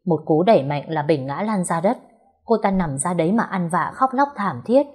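A woman's voice: on the low side, lively intonation, moderate pace, darkish tone, slightly rough. A woman narrating a dramatic story in a scripted way.

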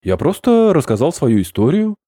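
A man's voice: mid-range voice, wildly swooping pitch, moderate pace, dark tone, breathy edge, no room sound, clean studio sound, voice pushed up. A man voicing a bitter, defensive male wizard who snaps back indignantly. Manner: snapping, indignant.

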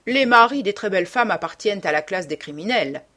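A woman voicing a witty, cynical aristocratic gentleman in an audiobook, delivering his epigrams dryly. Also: mid-range voice, animated, fairly quick. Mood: ironic. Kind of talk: audiobook character reading.

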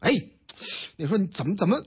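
A man's voice: extremely high pitch, big pitch swings, normal speed, breathy edge. A man with a Beijing accent giving colloquial storytelling-style news commentary on the radio. He acts out the characters in the stories he tells. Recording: dull lo-fi radio sound.

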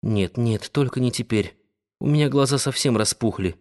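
A man reading the lines of a shy young woman in love, speaking in a timid, halting way. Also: mid-range voice, darkish tone, close to an everyday voice. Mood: tearful.

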